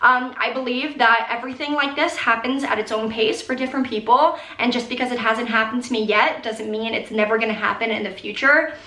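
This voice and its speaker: A woman in her early twenties casually answering viewer questions and telling stories, with animated, giggly girl-talk full of "like". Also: fairly high pitch, fairly quick, roomy sound, low-quality recording. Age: early 20s. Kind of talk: casual chatty Q&A storytelling.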